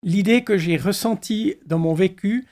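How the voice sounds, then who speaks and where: Pasteur calme à la voix assez haute. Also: male voice, high-pitched, a little slow. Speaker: pastor. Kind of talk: reflective conversation.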